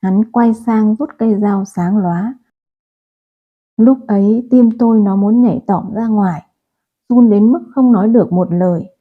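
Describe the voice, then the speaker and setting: A woman's voice: medium pitch, slightly rough. A woman narrating a first-person audio story in a plain, earnest way. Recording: tinny phone-like audio.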